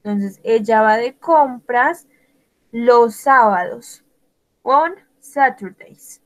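Woman english teacher, talks super slow, spells every word out, kinda high voice. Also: lo-fi sound. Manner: slow, deliberate, spells letters one by one. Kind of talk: bilingual language lesson, spelling words aloud.

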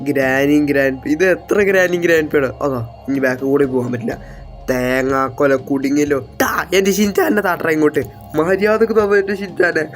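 A man role-playing a gangster in a game, talking to his viewers loudly, dramatically and in a panicky, bossy way. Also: fairly high pitch, fairly even intonation, a little fast, faint music behind. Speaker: gameplay streamer.

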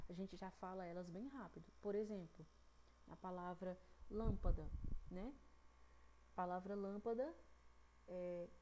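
A woman's voice: medium pitch, warm tone, slight background noise, poor audio. A Brazilian woman teaching an online grammar lesson to young children, stretching out syllables patiently and checking in often with the class. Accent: Brazilian Portuguese. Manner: patient, drawn-out syllables, frequent "né?" and "certo?" checks. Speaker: primary school teacher.

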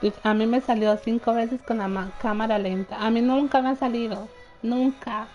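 Young woman gaming streamer, slow relaxed chat with a bit of a high voice, faint music under. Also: dull audio. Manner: chatty, laughs often, reads out chat greetings. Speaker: gaming livestreamer. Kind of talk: casual live gameplay chat. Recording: faint game music behind.

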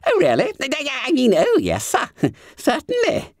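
A man voicing a fat, oblivious schoolboy who stammers and whispers, in a high squeaky voice. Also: huge pitch swings, measured pace, no echo, studio quality, heavily acted. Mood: flustered. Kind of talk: audiobook character voice.

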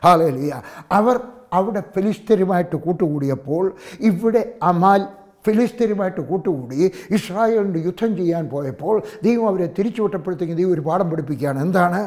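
A man's voice: high-pitched, animated, a little fast, darkish tone. A man with a Malayali accent preaching a sermon as pastor, emphatic and full of hallelujahs. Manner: emphatic preaching with frequent hallelujahs, rising and dropping in volume.

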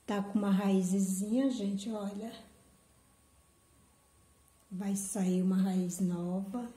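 Slow, gushing woman vlogger in an echoey room. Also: mid-range voice, steady tone, dark tone. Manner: gushing, affectionate, repeats "gente". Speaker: orchid channel host. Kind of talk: casual unboxing vlog.

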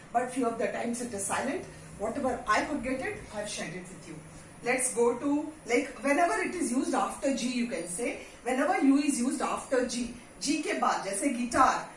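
Slow Indian woman teacher, echoey room. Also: on the high side. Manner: slow, drawn-out word drills, switching between English and Hindi. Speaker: English teacher. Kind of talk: slow spoken English lesson, mixing in Hindi. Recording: echoey room, distant mic, faint hiss.

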